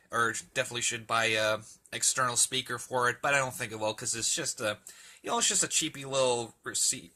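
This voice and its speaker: A man gives an offhand video tour of his hobby collection in an indoor room lined with shelves of radios, hesitating and searching for words. His voice is medium-pitched, pushed and bright. He's recorded on a handheld camera's mic from behind the camera.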